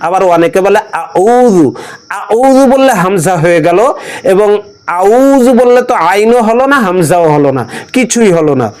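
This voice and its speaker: A male Quran teacher leading a call-and-response pronunciation lesson, stretching each sound slowly for a class to repeat. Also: sits high, animated, a little mellow, clean tone.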